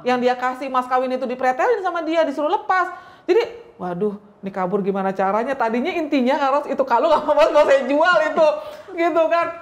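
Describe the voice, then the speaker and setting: A woman, a talk show guest telling her story in an emotional, animated way and acting out the quotes. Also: high voice, fast talker. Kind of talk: casual interview storytelling.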